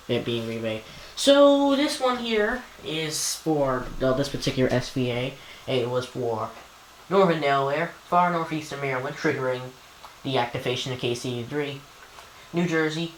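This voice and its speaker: A man's voice: mid-range voice, animated, normal speed. Hesitant casual man in an echoey room. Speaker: weather alert recording hobbyist. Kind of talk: casual off-the-cuff commentary. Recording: echoey room with faint ambient noise.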